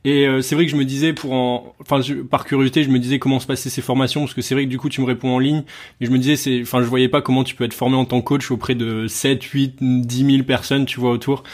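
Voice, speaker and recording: A man's voice: medium pitch, level tone, fast. A man hosting an interview, asking casual questions with many fillers and informal slang. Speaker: interviewer, podcast host.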